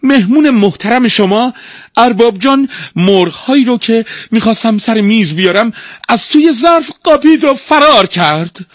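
A man voicing a clever, scheming young female servant with shrill cries and hushed warnings. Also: expressive, dry recording.

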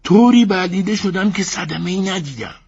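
A composed, pompous man calls out from inside a crocodile's belly, as a male storyteller voices him. His voice sits far above a man's usual pitch and sounds muffled and distant, as if from inside the animal. He lectures steadily, unbothered by his strange prison, in a lo-fi, dull recording. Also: expressive, gravelly, darkish tone, slightly rough, exaggerated voice.

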